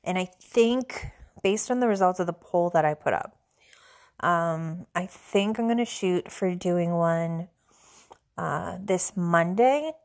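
A woman from the central United States hosting a casual solo podcast, sounding stuffy and a little hoarse, rambling and self-deprecating. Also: lowish voice, slow pace, darkish tone. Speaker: podcast host.

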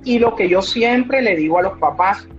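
A woman with a mid-range voice speaks animatedly at a moderate pace as a guest specialist on child behavior in an explanatory interview. She is emphatic, repeats key phrases, and gives examples, and the audio is dull and lo-fi with faint music.

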